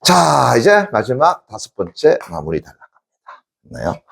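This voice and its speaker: Speaking at a normal pace with vocal fry, another exam-prep teacher, a man with a medium-pitched voice, lectures in the classroom with wildly swooping intonation. He keeps checking in by asking "됐니?", supplies the answers himself, and shouts out examples with emphasis.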